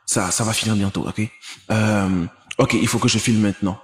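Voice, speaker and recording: A man's voice: lowish voice, fairly even intonation, normal speed, reverberant, close to an everyday voice. An actor playing a confident, pushy male friend who keeps repeating himself, in a French-dubbed film drama. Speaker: friend helping stage the kidnapping.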